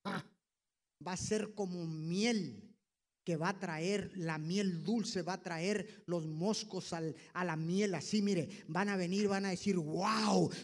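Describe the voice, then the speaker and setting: A man's voice: sits high, slow. A male pastor preaching a sermon and leading his congregation in repeat-after-me prayer, with plain-spoken, teasing asides to the listeners.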